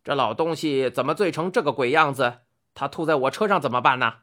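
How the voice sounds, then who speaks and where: A woman voicing a rude, bullying male cart driver who talks gruffly and scornfully. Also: very deep voice, brisk, fairly bright tone, voice pushed down. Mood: rough, scornful.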